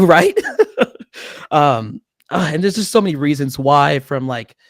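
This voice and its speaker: A man's voice: a little high, animated, a little slow, no echo. A young man in his twenties, a medical student, talking on a video call through a studio mic. He explains things earnestly and laughs often. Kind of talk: casual interview by video call. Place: small indoor room. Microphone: studio mic with headphones on video call.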